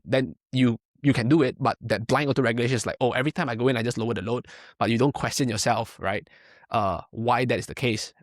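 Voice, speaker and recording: This podcast interview features a young Malaysian man who coaches powerlifting, speaking casually and rambling on with plenty of "like" and "right?". The medium-pitched voice is recorded in studio quality with no room sound.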